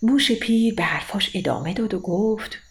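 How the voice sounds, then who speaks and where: A woman telling a children's bedtime story in a gentle, even read-aloud manner. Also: mid-range voice.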